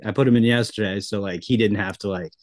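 Chill podcast dude telling a story, kinda hesitant, dry mic. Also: male voice, fairly low pitch, steady tone, fast talker, darkish tone, no room sound. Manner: laid-back storytelling with hesitations. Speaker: podcast co-host. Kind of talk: casual chat.

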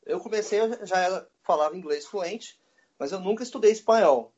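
High-pitched man telling stories. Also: fairly quick. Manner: relaxed storytelling, laughs easily. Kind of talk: casual chat. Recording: dull lo-fi audio.

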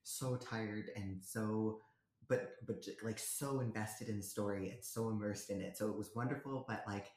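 A woman's voice: very deep voice, normal speed, darkish tone, roomy sound. A woman author, a guest on a podcast, chatting enthusiastically. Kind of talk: casual chat.

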